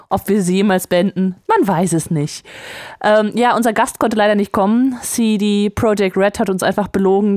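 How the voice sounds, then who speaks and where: A woman's voice: mid-range voice, darkish tone, dry recording, studio quality. A woman hosting a podcast in a casual, playful and self-mocking way. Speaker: podcast host.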